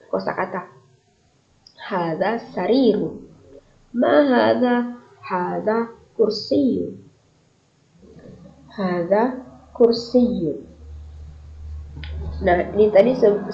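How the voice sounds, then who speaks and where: A woman teaching from a textbook, reading example sentences slowly and filling her explanations with hesitations. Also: medium pitch, vocal fry. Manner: many fillers while explaining. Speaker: Arabic teacher. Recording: dull lo-fi recording.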